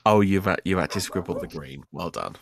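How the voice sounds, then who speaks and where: A man's voice: low voice, quick pace, vocal fry. A man running a tabletop game as game master, casual and swearing, laughing often.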